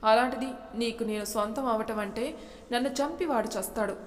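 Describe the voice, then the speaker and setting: A woman's voice: a little high, moderate pace, roomy sound, long reverb tail, lightly acted. A woman voicing a defiant young bride. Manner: defiant, resolute.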